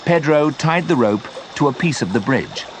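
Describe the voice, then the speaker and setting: A man narrating a simple story slowly and clearly for English learners. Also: on the high side, a little hiss or hum. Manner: slow, clear, expressive.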